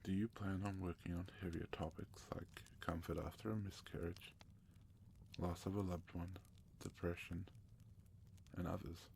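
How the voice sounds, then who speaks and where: A man from South Africa hosting a soft-spoken ASMR question-and-answer session, gentle and sometimes slipping into a whisper. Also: low voice, level tone, a little slow, gravelly, a little hiss or hum. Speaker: ASMR channel host.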